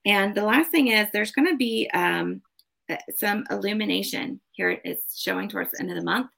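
A woman's voice: medium pitch, moderate pace, vocal fry, a bit bright. A woman giving a casual spoken card reading as host, advising in an emphatic, repetitive way. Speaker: tarot card reader and host.

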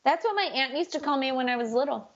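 A woman's voice: sits high, animated, fast talker, highs cut off. A woman chatting casually and playfully as a podcast co-host. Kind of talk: casual chat.

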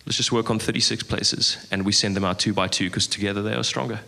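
A man's voice: lowish voice, steady tone, fast, vocal fry, bright, forceful tone, long reverb tail. A man co-leading a church teaching, reading scripture aloud and then explaining it with repeated phrases. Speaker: co-preacher.

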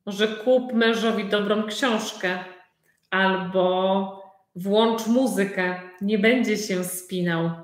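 Woman running a conversation class, talks super slow, asks the same thing twice, mid pitch, roomy echo. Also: steady tone. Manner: very slow, simple questions repeated for learners. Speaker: Polish conversation teacher. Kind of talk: live online conversation class.

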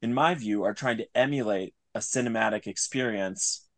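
As an interview guest, an audio drama writer gives earnest, analytical, discursive reflections on his craft and creative thinking. His voice is on the low side, and he speaks at a moderate pace.

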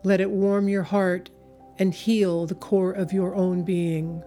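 A woman leading a guided meditation in a slow, soothing, hypnotic way, with long pauses between phrases. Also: mid-range voice, little pitch movement, warm tone, soft background music. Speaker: spiritual speaker and meditation leader.

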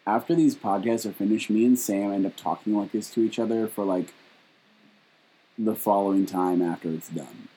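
Young man, podcast co-host, husky dark voice, wisecracking, casual. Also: on the low side, steady tone, normal speed, low-quality recording. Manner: wisecracking, crude, musing asides. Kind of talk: casual chat.

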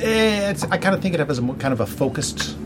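Male game master, casual and halting narration, loud noise behind the voice. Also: fairly high pitch, animated. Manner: halting, searching for words. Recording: clearly noisy room recording, loud background noise.

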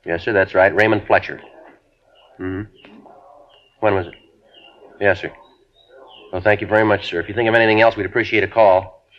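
An actor playing a terse police sergeant who narrates the case and questions witnesses in a clipped, matter-of-fact way. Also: male voice, lowish voice, steady tone, moderate pace, long pauses, close to an everyday voice. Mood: calm. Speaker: detective narrator. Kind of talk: 1950s radio drama narration. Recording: dull 1950s radio broadcast.

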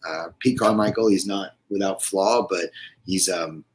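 Male co-host, very low voice, casual filler-heavy football chat. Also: a little slow, low-quality recording. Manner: loose, rambling with many fillers. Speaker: podcast co-host.

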